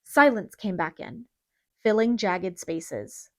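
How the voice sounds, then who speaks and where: At a slow pace and with a darkish tone, a woman gives a dramatic, scripted audiobook narration in a middle pitch for a woman. The recording is close and dry, with very little room sound.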